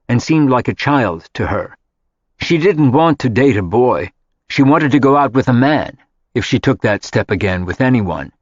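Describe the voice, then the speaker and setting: A man's voice: medium pitch, dry recording. Male audiobook narrator, dry lo-fi read. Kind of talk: scripted narration.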